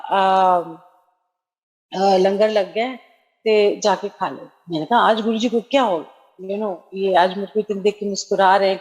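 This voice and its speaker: A woman's voice: on the high side, darkish tone. A middle-aged woman, telling a personal devotional story in a chatty way, dropping in English phrases, over a remote call. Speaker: devotee sharing a testimony.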